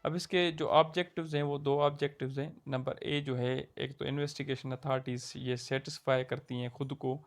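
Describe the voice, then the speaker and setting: Over soft background music, a young law lecturer with a Pakistani Urdu accent explains a legal point in a casual lesson, often checking in with "theek hai." His mid-range voice stays level, moving a little fast with few pauses.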